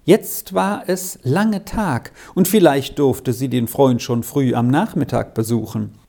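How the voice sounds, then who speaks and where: A man narrating a children's story in a calm, measured reading. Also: medium pitch, creaky. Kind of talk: audiobook narration.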